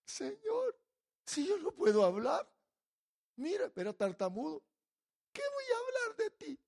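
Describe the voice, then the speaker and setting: A man's voice: very high voice, huge pitch swings, measured pace, vocal fry, darkish tone, voice pushed up, heavily acted. A man preaching, voicing a stammering man who pleads that he cannot speak. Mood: pleading.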